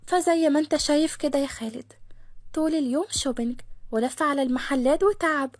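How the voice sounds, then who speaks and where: A woman's voice: sits high, fast, no echo, clean studio sound, lightly acted. A woman voicing a scheming, chatty twenty-eight-year-old woman in an Egyptian Arabic accent. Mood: sweet chatty. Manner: chatty, sweet-talking.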